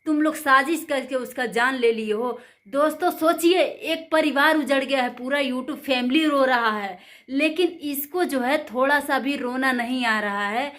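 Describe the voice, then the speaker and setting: Indignant high-voiced woman vlogger. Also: measured pace, fairly bright tone. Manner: indignant, rambling and emphatic. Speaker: channel host. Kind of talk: angry commentary vlog.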